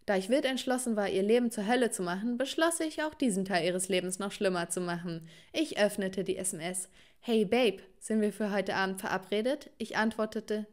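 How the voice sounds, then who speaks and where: A woman giving cheeky, playful first-person narration of an animated story. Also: medium pitch.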